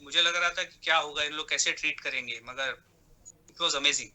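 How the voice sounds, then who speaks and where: A male actor answers interview questions with a very bright, sharp-edged voice that sits slightly high for a man. He pauses on fillers and slips English phrases in. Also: rough recording. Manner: mixes English phrases into Hindi talk; hesitant fillers before answers.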